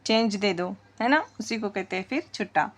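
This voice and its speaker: A woman's voice: medium pitch, moderate pace. A woman teaching spoken English, repeating sentences word by word and quizzing her viewers.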